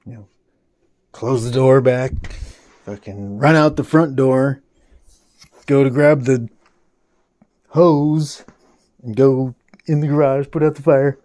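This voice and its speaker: Male vlogger, casual rambling storyteller with frequent swearing and a warm, unhurried delivery. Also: mid-range voice. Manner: rambling, swears often, restarts a lot.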